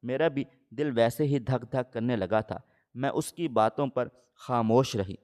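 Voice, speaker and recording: A man narrating a scripted story in the first person, with a steady, measured reading. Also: mid-range voice.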